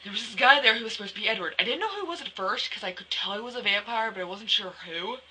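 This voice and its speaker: Teen girl vlogger, excitable rambling storyteller, very bright voice. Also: mid-range voice, fast, slightly rough, low-quality recording. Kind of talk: casual vlog chat.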